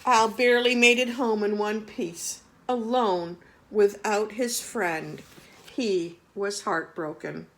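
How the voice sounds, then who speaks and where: A woman's voice: mid-range voice, slow pace, fairly bright tone, rough recording. A woman reading a picture book aloud to young children, adding chatty asides to the children. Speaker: storybook reader.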